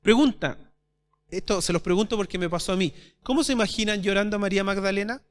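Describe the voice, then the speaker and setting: A man preaching a sermon as pastor at a church service, asking his congregation rhetorical questions and swinging between loud and soft. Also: sits high, quick pace. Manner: addresses congregation as brothers.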